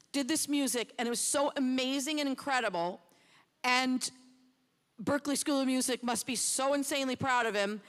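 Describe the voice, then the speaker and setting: A middle-aged woman gives an unscripted award presentation in a slightly high voice, wandering through her story with self-mocking asides. Her voice rings with the long reverb of a hall. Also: fairly bright tone. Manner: rambling, chatty, self-deprecating. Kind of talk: off-the-cuff award presentation speech.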